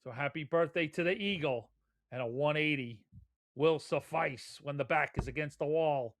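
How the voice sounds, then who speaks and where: A man's voice: on the high side, moderate pace, a bit bright. A man giving live darts commentary in a conversational, folksy way. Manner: conversational, folksy turns of phrase.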